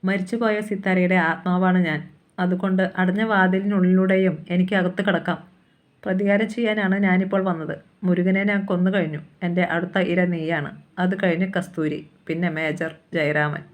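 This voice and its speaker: The narrator voices the vengeful ghost of a murdered young woman, speaking slowly and low with menace. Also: steady tone, narrow, tinny audio, natural voice. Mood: menacing. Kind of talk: storybook reading.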